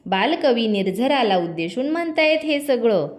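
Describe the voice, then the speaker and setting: Lively high-voiced woman storyteller. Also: moderate pace. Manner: lively, expressive reading. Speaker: children's storyteller. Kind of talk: storybook narration for children.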